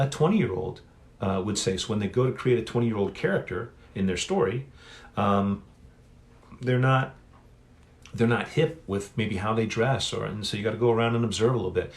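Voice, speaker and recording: A middle-aged man hosting a solo author livestream Q&A, talking in a rambling, chatty way and often correcting himself, recorded on a phone. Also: medium pitch. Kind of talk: casual solo livestream chat. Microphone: phone on a stand.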